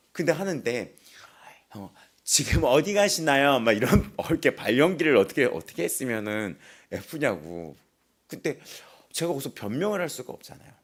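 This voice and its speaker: Lively storytelling male pastor. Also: mid-range voice. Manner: animated storytelling with frequent laughter; acts out quoted voices. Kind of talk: early-morning sermon.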